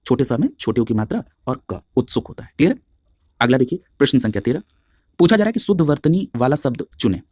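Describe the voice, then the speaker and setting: Brisk Hindi teacher asking "clear?". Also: male voice, mid-range voice, sing-song, darkish tone, dry recording, studio quality. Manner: drills each answer, checks with a constant "clear?"; spells words out slowly letter by letter. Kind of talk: exam-prep spelling lesson.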